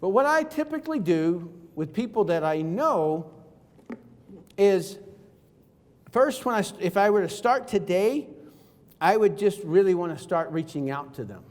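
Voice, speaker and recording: A network marketing speaker with a high voice gives a motivational seminar talk in a conference hall, where the sound reverberates. He's energetic and jokey, acting out phone calls, though he speaks a little slowly and leaves long pauses.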